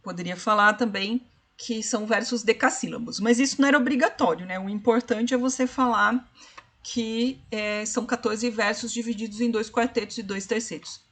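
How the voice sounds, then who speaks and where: A woman's voice: fairly high pitch, a bit bright. Woman teaching literature online. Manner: explanatory, repeats "né?" and "ó"; slows down to count syllables and spell out rhyme schemes. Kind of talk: online tutoring session.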